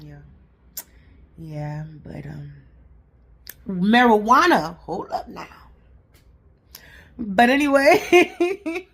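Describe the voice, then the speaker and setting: A woman and mother with a raspy voice, giving a blunt, profane, encouraging talk to her viewers. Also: medium pitch, fairly bright tone. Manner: blunt, profane and encouraging, says "y'all" and "honey". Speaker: vlogger and mother. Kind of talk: casual motivational talk to camera.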